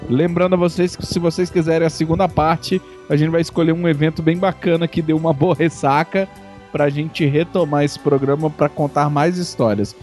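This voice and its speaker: A man's voice: fairly high pitch, fairly even intonation, normal speed, a little mellow, soft background music. A man hosting a casual podcast, teasing and making announcer-style asides. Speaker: podcast host.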